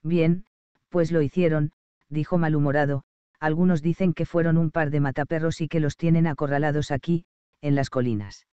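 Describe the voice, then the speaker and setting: A man voicing a gruff, hostile male garage mechanic, in a rough, curt and threatening voice, as an audiobook character. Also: a little high, fairly even intonation, normal speed, warm tone, no room sound, muffled recording, lightly acted. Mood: surly.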